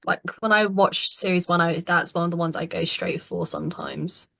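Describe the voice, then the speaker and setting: A woman guesting on a podcast, chatting in a relaxed way, often saying "like". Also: fairly low pitch, normal speed, creaky. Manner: relaxed, peppered with "like". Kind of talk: casual chat.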